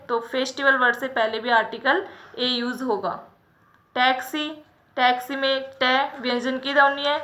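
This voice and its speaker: Bright high-voiced woman teaching grammar. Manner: explains slowly and repeats each point, stretching out the letters. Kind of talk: classroom-style grammar lesson.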